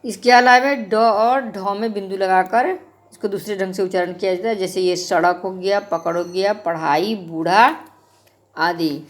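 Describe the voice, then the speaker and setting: Slow-spoken woman teaching a grammar lesson. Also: medium pitch, steady tone. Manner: slow, explanatory, addresses children directly.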